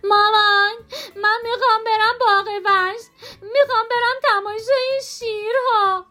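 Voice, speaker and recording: A woman's voice: extremely high pitch, steady tone, faint music behind, voice pushed up. A woman doing a whiny little boy in a tantrum. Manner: whiny, shouting, crying. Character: loud stubborn little boy throwing a tantrum.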